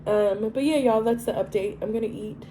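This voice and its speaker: A woman's voice: on the high side, fairly quick, background noise. A woman vlogging in a casual chat to her viewers, congested and nasal from a cold, talking at home. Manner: chatty, addresses viewers as y'all.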